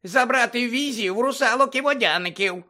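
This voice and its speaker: A squeaky little male house-elf, put on by a man reading an audiobook, eager to serve and forever pleading. He speaks of himself in the third person, in a voice pitched far above an ordinary man's. The squeak stays bright and urgent throughout. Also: brisk. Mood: insistent. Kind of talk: audiobook character voice.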